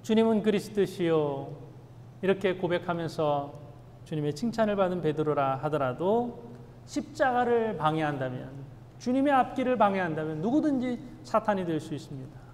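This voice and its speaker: A male pastor preaching an emphatic sermon in a church sanctuary, swinging between loud stresses and hushed asides. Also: high voice, animated, a little fast, big-room sound, a little hiss or hum.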